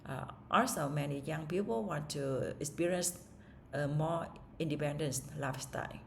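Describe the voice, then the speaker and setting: Speaking at normal speed in a voice that sits low, a woman rehearses over faint background noise. She's a native Vietnamese speaker preparing for an English speaking test, reading questions to herself and answering hesitantly with frequent restarts.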